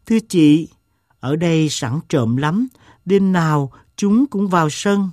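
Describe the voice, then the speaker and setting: A man's voice: a little high, slow, darkish tone, no echo, clean studio sound, pitched above the performer's own voice. A man putting on a polite hostess woman. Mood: courteous. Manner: deferential, respectful address.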